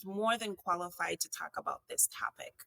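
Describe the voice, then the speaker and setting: A woman's voice: on the low side, moderate pace, vocal fry, sharp tone. A woman from the US Virgin Islands, hosting a podcast in a conversational style. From US Virgin Islands (St. Croix). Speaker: podcast host.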